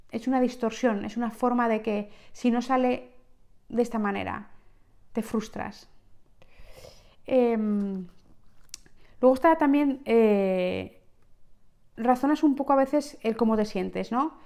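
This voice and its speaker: A woman's voice: fairly high pitch, slow, gravelly, pauses often, mellow. A woman with a Spanish accent giving an unscripted self-help monologue as a podcast host, often checking in with "right?" and restarting words. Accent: Spain.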